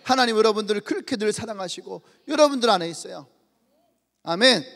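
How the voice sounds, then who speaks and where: A man preaching a sermon as pastor, telling stories with a lively manner, acting out little scenes and calling out hallelujah to the congregation. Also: sits high, fast. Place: church sanctuary. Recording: long church-hall reverb.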